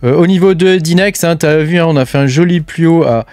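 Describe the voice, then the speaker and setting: Man, casual news roundup, chatty, lots of fillers, slightly high voice, dry sound. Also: brisk, darkish tone, no echo. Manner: chatty, frequent filler tags and hesitations. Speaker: crypto mining channel host.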